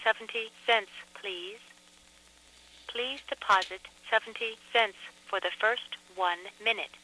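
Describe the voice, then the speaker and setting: A woman's voice: fairly high pitch, rough recording. A woman's prerecorded announcement heard over a payphone line, asking politely and evenly for coins. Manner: polite, even and measured. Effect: heard through a payphone line. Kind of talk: prerecorded automated prompt.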